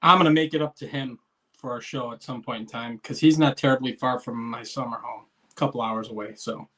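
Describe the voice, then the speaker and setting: A man in his fifties co-hosting a casual livestream podcast, chiming in with dry quips and quick laughs. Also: medium pitch, steady tone, a bit bright. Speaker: co-host.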